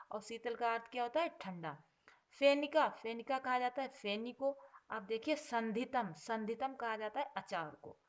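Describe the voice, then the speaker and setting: A woman teaching a vocabulary lesson. She explains patiently, repeating each word before its meaning, and stresses each headword louder before dropping low on the grammar note. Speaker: Sanskrit teacher.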